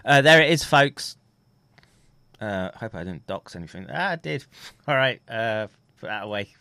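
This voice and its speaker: A fairly low-pitched man chats offhand to his viewers, muttering half to himself in between. The sound is dry and close, with no room around it. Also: animated, measured pace, bright, forceful tone, dry recording. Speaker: vlogger. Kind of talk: casual chat to viewers.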